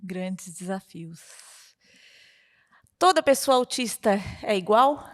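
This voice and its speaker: A woman's voice: medium pitch, animated, takes it slowly. A woman hosting an interview, leading her guests through questions in a friendly manner. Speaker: host.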